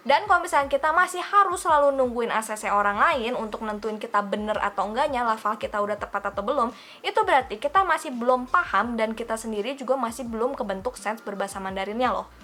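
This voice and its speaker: A woman's voice: fairly high pitch, fast, bright, forceful tone. A young woman teaching Mandarin in a casual video lesson. She is chatty, calls herself by her own name and keeps asking the viewers rhetorical questions.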